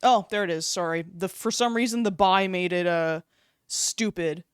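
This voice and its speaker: A woman's voice: fairly low pitch, normal speed, clear, resonant tone, dry recording, clean studio sound. A young woman streaming while she draws, chatting casually, giggling and swearing easily. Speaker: streamer and artist. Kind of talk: casual live-stream chat while drawing.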